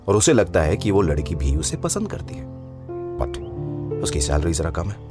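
A man playing a young male writer in an audio drama, talking in warm, hesitant, teasing banter. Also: low voice. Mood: confessional. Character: young male writer, nervous and fond of his friend. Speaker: lead character. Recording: studio voice with music underneath. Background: soft background music.

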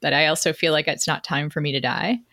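A middle-aged woman, appearing as an interview guest, tells a personal story in a conversational way. Her voice sits low and moves fast, with a bright, forceful tone. She comes across as reflective and self-deprecating, often checking in with "right?".

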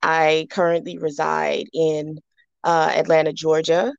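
Gravelly low-voiced woman from the Bahamas. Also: monotone, a little slow, no room sound, dull audio. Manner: reflective, many fillers and restarts. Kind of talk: casual podcast interview.

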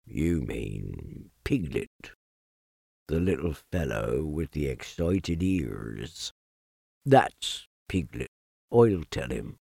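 A man's voice: big pitch swings, vocal fry, mellow, slightly rough, no echo, studio quality, heavily acted. Eeyore, a man doing a gloomy donkey. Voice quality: low, slow mournful drawl. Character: gloomy old male donkey, sarcastic and self-pitying.

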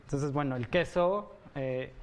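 A man's voice: medium pitch, a little slow, a little hiss or hum. A man, a head chef explaining his dishes in a friendly, explanatory way and ending his phrases with tag questions.

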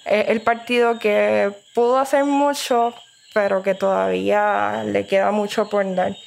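A woman's voice: mid-range voice, steady tone, a little slow, vocal fry. A young woman in her twenties with a Puerto Rican accent, a university student answering interview questions eagerly and laughing easily. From Puerto Rico. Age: 20s. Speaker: university student and youth party officer.

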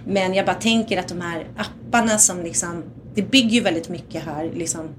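A woman's voice: lowish voice, noisy background. A woman co-hosting a casual chat, giving her opinions freely with many fillers. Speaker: podcast co-host.

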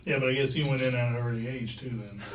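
Cop asking easy questions, far from the mic, roomy and muffled with hiss. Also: male voice, medium pitch, fairly even intonation, fast talker. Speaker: police detective. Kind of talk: police interrogation. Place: police interview room. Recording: echoey, distant, muffled interview room audio with noise.

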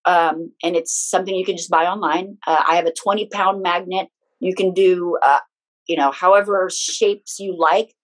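Woman explaining in a halting, step-by-step way. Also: lowish voice, fairly even intonation, low-quality recording. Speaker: guest, energy healing practitioner. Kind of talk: conversational interview explanation.

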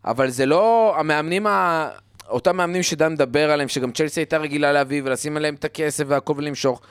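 A man with a fairly high voice lays out his points in a measured, explanatory way. The sound is dry and close to the mic. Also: smooth, no room sound. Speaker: podcast co-host. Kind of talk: casual football chat.

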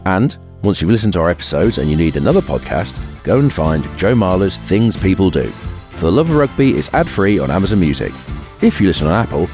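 Deep-voiced man, dry banter. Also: sing-song, a little fast, music in the background. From England. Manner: laid-back, dry banter. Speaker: podcast co-host, rugby player. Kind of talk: casual chat. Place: podcast studio.

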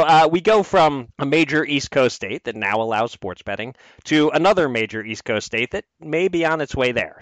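A male podcast host talks through the week's news in a loose, conversational way, often laughing and trailing into asides. His voice sits at an ordinary middle pitch. The recording is close and dry, with no room sound. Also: fairly bright tone, no echo. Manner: conversational, laughs easily, filler-heavy asides. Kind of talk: casual podcast chat and news rundown.

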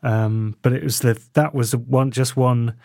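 A man's voice: mid-range voice, steady tone, a little slow, gravelly, darkish tone, dry recording, studio quality. A man hosting a podcast, chiming in agreeably with short remarks. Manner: interjecting, agreeable. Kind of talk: casual chat.

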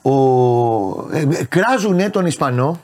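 A man appears as a guest on a studio talk show and argues his case insistently. His voice is mid-pitched and plain, with nothing unusual in its tone. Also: animated, a little mellow. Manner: insistent, argumentative. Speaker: guest commentator. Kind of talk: casual studio debate.

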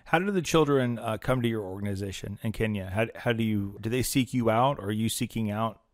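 A man's voice: on the low side, a little fast, dry recording, clean studio sound. A man asking questions in a conversational interview.

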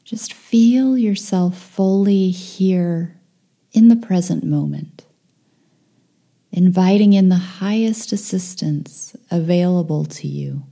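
Guiding a meditation, a woman speaks softly in a breathy, almost whispered voice. Her tone is gentle and soothing, pitched fairly low, with long pauses between phrases.

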